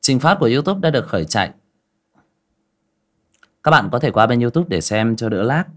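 A man hosting a livestream, chatting with viewers and narrating a folk ghost story aloud. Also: medium pitch. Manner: chatty, lively, drawn-out storytelling delivery. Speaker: storyteller and channel host.

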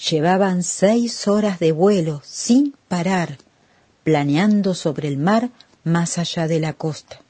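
A woman narrates a story at a very slow, calm pace. Her voice is low and breathy, and it is recorded dry and close to the mic. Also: no echo. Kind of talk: storytelling for radio.

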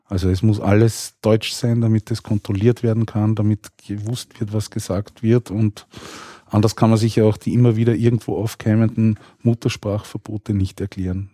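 A man, a teacher, answering interview questions in a calm, measured, explanatory way. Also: on the low side, no room sound, studio quality.

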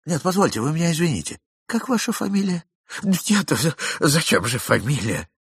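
A man's voice: a little high, big pitch swings, moderate pace, breathy edge, no echo, studio quality, pitched above the performer's own voice, heavily acted. A man voicing a jealous, pompous middle-aged husband in a storybook reading, stiffly polite and easily rattled. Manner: indignant, stiff formal politeness.

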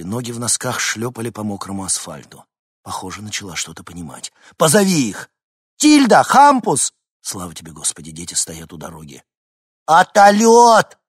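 A man reads a novel aloud in a measured, tense narrating voice. His voice is lowish and husky, and the recording is dry and close, with no room sound. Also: fairly bright tone, no echo. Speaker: audiobook narrator. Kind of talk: scripted narration.

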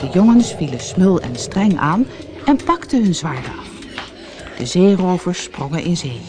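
An expressive storyteller from the Netherlands reads a children's fairy tale aloud. The voice sits at a middle pitch but rises and falls with lively range, and a faint hiss runs under the recording. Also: a little slow. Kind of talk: audiobook fairy tale narration.

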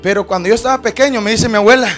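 A man preaching a fiery sermon, often shouting at the peaks and calling his listeners brother. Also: very high-pitched, very fast, faint music behind. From Latin America.

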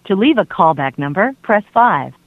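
A man playing an automated voicemail announcement over a phone line, in a flat recorded manner. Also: high-pitched, moderate pace, a little hiss or hum, pitched above the performer's own voice. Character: automated voice mail system.

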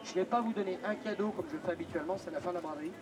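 High-voiced male street barker, busy crowd. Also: racing. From France. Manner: insistent, repetitive, teasing crowd address. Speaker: street-fair perfume pitchman. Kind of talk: loud barker's sales patter. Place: outdoors at a busy street fair. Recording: outdoor street fair with crowd noise.

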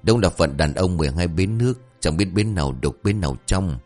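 A man voicing a blustering old village man who curses gruffly. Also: sits low, animated, a little fast, a little mellow, soft background music. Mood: grumbling. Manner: gruff and cursing.

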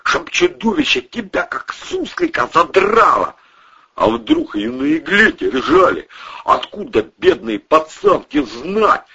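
A man reading aloud, voicing a panicky, foul-mouthed young gangster who yells and swears in slang. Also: sits high, wildly swooping pitch, takes it slowly, creaky, breathy edge, lo-fi sound, pitched above the performer's own voice, heavily acted.

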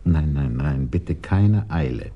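A man's voice: rumbling low, expressive, slow pace, lo-fi sound, full character voice. An actor playing a scheming man who commands and instructs others at length, in a 1980s radio drama. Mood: coaxing.

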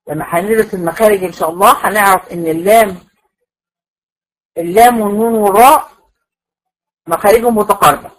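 A woman with an Egyptian accent lectures on Quran recitation, her voice sitting at an ordinary middle pitch. She goes over each rule more than once and keeps checking that her students are following. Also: a bit bright, poor audio. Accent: Egyptian Arabic. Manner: patient, repeats points and checks understanding. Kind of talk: classroom lecture.

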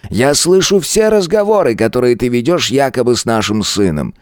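A man's voice: mid-range voice, expressive, normal speed, dry recording, clean studio sound, voice pushed up, natural voice. A man voicing a stern older husband who speaks curtly and mockingly to his wife. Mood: cold. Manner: curt, cold, mocking.

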